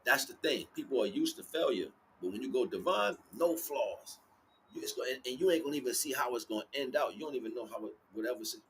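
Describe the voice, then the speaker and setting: In a low-quality outdoor recording with slight background noise, a man with a medium-pitched, somewhat bright voice talks freely about spiritual matters as a livestream host. He repeats points and regularly asks whether listeners are keeping up.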